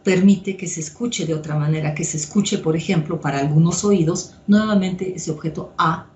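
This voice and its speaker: A woman psychoanalyst giving a measured, step-by-step lecture with occasional fillers. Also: on the low side, darkish tone, highs cut off. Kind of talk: slow didactic lecture. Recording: echoey room.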